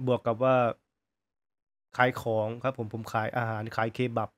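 A man hosting a gaming channel, commentating his gameplay live with a sore throat from illness, breaking into rapid repeated exclamations. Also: medium pitch, flat delivery, fairly bright tone.

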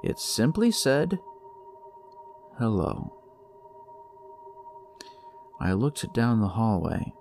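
A man narrating a first-person horror story in a slow, measured storytelling manner. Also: mid-range voice, sing-song, vocal fry, darkish tone, soft background music.

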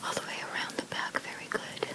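Playing a bridal boutique consultant in an ASMR roleplay, a woman whispers softly and breathily. She speaks in short, unhurried phrases broken by hesitant pauses.

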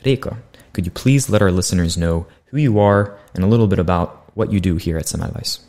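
Hosting a student podcast from a small, bright studio, this young man reads his scripted interview questions politely and fairly quickly. His voice is deep and darkish, captured by a condenser mic on a boom arm.

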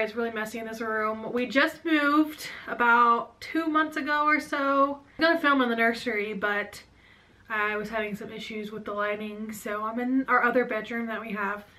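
A woman's voice: fairly high pitch, pushed and bright. A young woman in her twenties chatting to her camera in a bedroom at home, out of breath, rambling and jumping from thought to thought. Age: 20s. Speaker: vlogger. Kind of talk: casual chat to camera. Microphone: camera on a stand.

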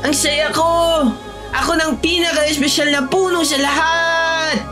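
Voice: medium pitch, steady tone, unhurried, music in the background, lightly acted. An actor voicing a small, vain, self-pitying pine tree in a children's cartoon story, in a whiny, exclaiming, childlike manner. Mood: gleeful.

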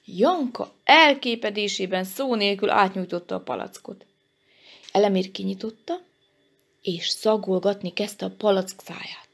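A woman librarian reading a children's story aloud in a gentle, measured way. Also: mid-range voice, vocal fry.

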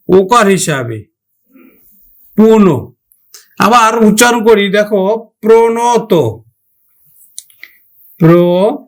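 A male teacher from Bangladesh giving a spoken lesson, slow and deliberate, repeating and drawing out example words. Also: sits high, fairly bright tone.

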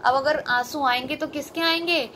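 A woman's voice: high-pitched, pushed and bright, slight background noise. A woman teacher explains a poem to children. She asks questions and answers them herself, and mixes Hindi and English. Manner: reads English lines slowly.

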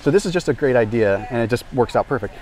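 Fast-talking man explaining in a warehouse store. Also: medium pitch. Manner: fast, energetic explaining to camera. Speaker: health and nutrition vlogger. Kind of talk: educational grocery walk-through. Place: large indoor warehouse store. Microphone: small lapel mic.

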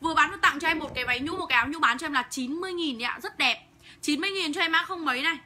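A woman's voice: sits high, rapid-fire, sharp tone, a little hiss or hum. A young woman hosting a livestream to sell clothes, talking bluntly and hawking with heavy cursing. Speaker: online clothes seller. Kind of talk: livestream sales pitch.

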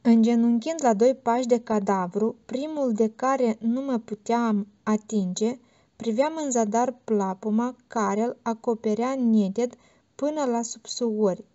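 A woman narrating literary fiction in a measured, steady audiobook reading, on a dull lo-fi recording. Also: on the high side. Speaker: audiobook reader.

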